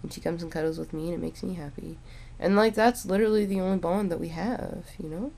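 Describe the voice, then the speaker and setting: Young woman vlogger, low gravelly voice, dark and mellow, meandering stoned monologue. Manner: meandering, halting, with frequent fillers and restarts; relaxed, stoned drawl. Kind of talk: rambling casual monologue to camera.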